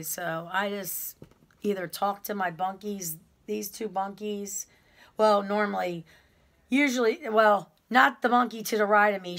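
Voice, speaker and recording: A middle-aged vlogger tells her viewers about her time in prison, speaking casually to camera in a rambling, heartfelt way. Her medium-pitched voice is loud and carries, and she often says "um" and addresses her audience as "y'all."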